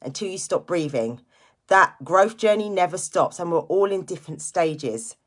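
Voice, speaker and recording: A woman in her late forties, a direct seller hosting a live stream, gives a casual motivational chat. Her lowish voice is expressive and moves at a normal speed as she talks informally and directly to listeners, repeating key phrases for emphasis.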